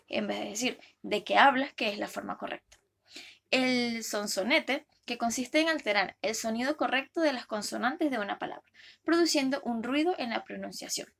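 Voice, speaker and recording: A young woman, a first-semester university student, reading a class presentation in a careful, steady way. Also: on the high side, creaky. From Venezuela. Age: young adult.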